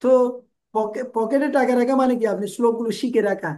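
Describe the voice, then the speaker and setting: A man giving a devotional class into a microphone, explaining with everyday examples and rhetorical questions, his throat strained from talking loudly. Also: very high voice, quick pace. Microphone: handheld microphone.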